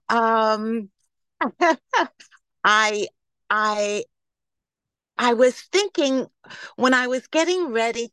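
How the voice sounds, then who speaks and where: A woman in her seventies with a New York accent, sharing her personal story slowly on a video call, with restarts. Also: a little high, smooth, dry recording, low-quality recording. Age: 70s. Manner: slow, warm-hearted, halting with restarts.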